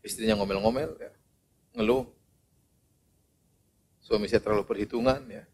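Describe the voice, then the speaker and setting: A man's voice: on the low side, moderate pace, creaky, slightly rough. A man preaching an Islamic sermon with humorous storytelling, acting out the voices of the people in his stories. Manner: animated, humorous, acts out quoted voices.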